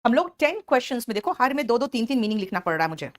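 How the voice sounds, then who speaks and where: Lady teacher with indian english accent, kinda high voice, explains words slow and keeps asking students if it's clear. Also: very animated. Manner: explains each word slowly, checks in with students often. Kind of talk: exam-prep vocabulary lesson.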